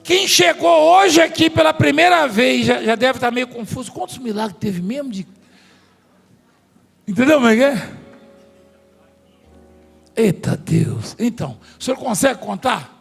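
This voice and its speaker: A man preaching in a big church hall, his voice high and gravelly with a husky edge. He tells stories and jokes with the congregation and staff. Long reverb hangs on every phrase, with soft music underneath. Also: measured pace, pauses often. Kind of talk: sermon.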